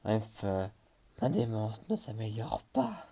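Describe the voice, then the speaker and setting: Slow, hesitant man commentating a game. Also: on the low side, sing-song, gravelly, warm tone, slightly rough. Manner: hesitant, many fillers, talks to himself, bursts of panicked exclamations. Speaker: gaming YouTuber. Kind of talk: casual gameplay commentary.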